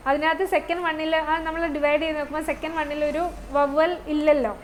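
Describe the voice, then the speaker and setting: A woman's voice: sits high, flat delivery, fast talker, slight background noise, rough recording. A woman giving an online English lesson. She mixes English terms into her explanations and checks in with her students. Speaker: English teacher. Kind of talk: online class lecture.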